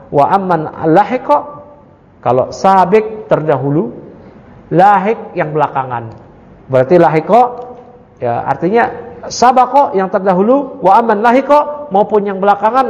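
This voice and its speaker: Guy giving a religious lecture, kinda high raspy voice, lots of ya nggak questions, muffled echoey hall recording. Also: a little mellow. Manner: recites Arabic, then explains it; asks rhetorical questions to the audience. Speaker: Islamic teacher.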